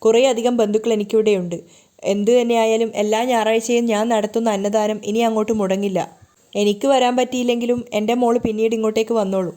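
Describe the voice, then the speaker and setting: A woman's voice: on the high side, fast, lightly acted. A woman reading the lines of a composed, gracious wealthy woman in a TV serial recap. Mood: calm. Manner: calm, reassuring.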